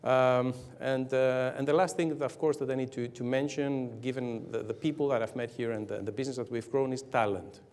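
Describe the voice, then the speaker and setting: Man speaking haltingly at a business panel. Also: medium pitch, fairly even intonation, a little mellow. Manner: halting, repeats words, builds to rallying lists. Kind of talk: conference panel talk. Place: hotel conference room.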